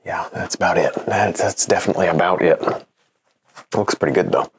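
A man's voice: low voice, a little fast, slightly rough. A young man giving a casual painting lesson in a home studio, chatty and self-encouraging, laughing often as he works. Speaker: painting instructor.

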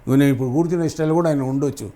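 A man's voice: on the high side, very fast, mellow. A middle-aged man, an actor being interviewed, speaking fervently and repeating phrases for emphasis. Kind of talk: emotional interview answers.

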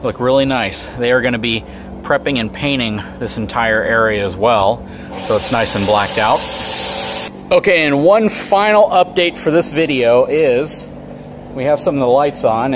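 A man's voice: medium pitch, normal speed. A man hosting a vlog, upbeat and explaining a trailer project to viewers in a large RV service shop. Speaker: channel host. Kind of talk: casual vlog walkthrough. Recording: noisy shop background.

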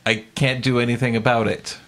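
A man's voice: mid-range voice, level tone, a little fast, fairly bright tone. A man chatting casually as a player in a tabletop role-playing game.

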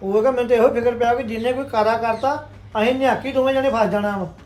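A man's voice: very high voice, steady tone, fast talker, darkish tone, a little hiss or hum. A man playing a weary, dutiful elder brother. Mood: resigned. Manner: aggrieved, then resigned. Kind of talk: Punjabi web drama acting.

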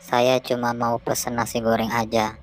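A man putting on a flat, eerie ghost woman. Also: mid-range voice, moderate pace, a little hiss or hum, pitched above the performer's own voice, close to an everyday voice. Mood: eerie calm. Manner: flat, toneless. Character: flat-voiced female ghost in red.

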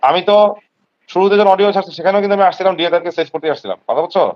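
A man's voice: high voice, racing, a little mellow, dull audio. A man, talking emphatically and repetitively on an online live stream. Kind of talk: heated casual talk.

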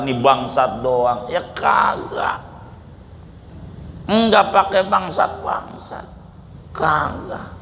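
Betawi-accented preacher in an echoey hall. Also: male voice, fairly high pitch, vocal fry, a little hiss or hum. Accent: Betawi Jakarta. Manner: colloquial and humorous, swinging from loud outbursts to hushed asides. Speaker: Islamic preacher. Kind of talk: sermon. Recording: echoey hall recording from a distance.

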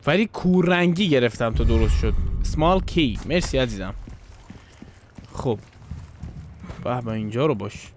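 A man's voice: mid-range voice, lively intonation, pauses often, background noise. A young man hosting a gaming channel, giving casual commentary over gameplay in a playful, teasing, joking way.

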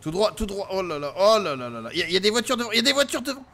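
A man streaming and role-playing a character in a driving game, excitable and panicky, swearing as he talks. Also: high-pitched, rapid-fire, slight background noise.

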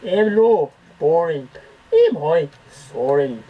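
In an amateur home recording made in a small, cluttered bedroom, a man plays an earnest, theatrical poetry reciter. His voice sits on the high side and moves slowly in an exaggerated, sing-song way. The webcam audio is dull and noisy.

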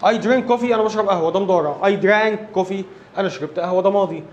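A man's voice: sits high, racing, a little mellow, highs cut off. A man with an Egyptian Arabic accent teaching an English grammar lesson, explaining step by step and often checking that his listeners follow.

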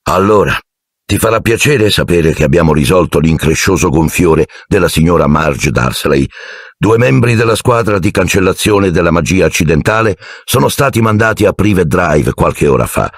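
A man's voice: low voice, animated, moderate pace, no echo, clean studio sound. A man voicing a fussy, jovial middle-aged minister who talks to a boy in a genial, patronizing and evasive way.

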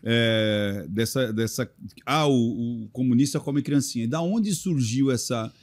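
Podcast host, fifties man, mid-pitched, chatty, jokey, stumbles over words. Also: measured pace, a little mellow. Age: 50s. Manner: chatty, joking, stumbling restarts. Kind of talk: casual podcast conversation. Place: studio room with bookshelves. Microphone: podcast mic on boom arm.

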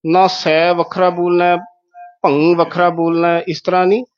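Man teaching pronunciation, methodical, higher than usual pitch, dull muffled recording. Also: little pitch movement, moderate pace, soft background music. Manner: methodical, repeats words syllable by syllable. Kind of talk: explaining correct recitation of scripture.

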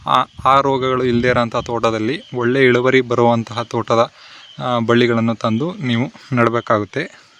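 A man's voice: mid-range voice, fairly even intonation, moderate pace, a bit bright, slight background noise. A man from Karnataka hosting a farming channel, talking loosely through plantation tips with fillers and restarts, outdoors on a plantation. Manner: unscripted, many fillers and restarts. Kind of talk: casual farming how-to talk.

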